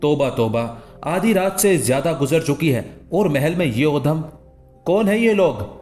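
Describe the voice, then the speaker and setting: A sharp-tongued noblewoman who scolds at length in a raised, higher voice, as a male reader puts her on. Faint music sits under the reading. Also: lively intonation, a little slow. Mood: scolding. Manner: scolding, shouting. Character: shrill scolding noblewoman, the governor's wife. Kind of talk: audiobook character voice.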